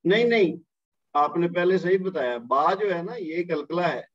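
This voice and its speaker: A man's voice: sits high, dull audio. A male Quran teacher running an online tajweed class, patient but firmly correcting his student.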